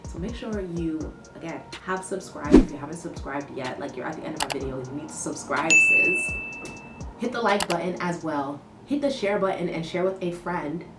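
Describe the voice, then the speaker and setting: Low-voiced young woman, roomy and distant. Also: expressive, normal speed. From born in the US, raised in London. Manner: chatty, lots of "like" fillers. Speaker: vlogger, new mother. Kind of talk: casual chat to camera. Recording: roomy echo, heard from a distance, faint music behind.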